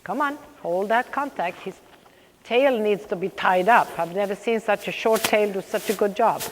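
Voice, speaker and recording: A woman coaching riding live, calling out brisk, projected commands in short repeated phrases, with brief praise between them. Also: mid-range voice. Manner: directive, interspersed with brief praise. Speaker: riding clinician coaching horse and rider. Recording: echoey riding hall with background noise.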